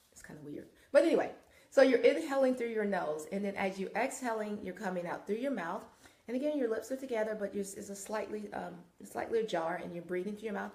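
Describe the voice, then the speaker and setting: A woman yoga instructor leads a live class through breathing and poses, sounding conversational and encouraging with frequent okays, and sniffles now and then after nose surgery. Her mid-range voice is darkish with vocal fry, in a reverberant space.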